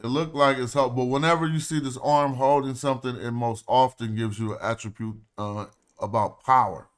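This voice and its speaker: A man's voice: medium pitch, steady tone, moderate pace, clear, resonant tone. A man hosting a casual livestream, talking loosely and thinking aloud as he walks through ancient Egyptian words. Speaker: host. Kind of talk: casual livestream walkthrough of hieroglyph texts.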